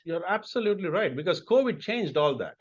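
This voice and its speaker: A middle-aged man speaks emphatically, driving his points home with repetition. His voice sits a little high. The recording sounds somewhat dull and lo-fi. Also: big pitch swings, fairly quick. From India. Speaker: interview guest, corporate executive. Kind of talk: interview answers.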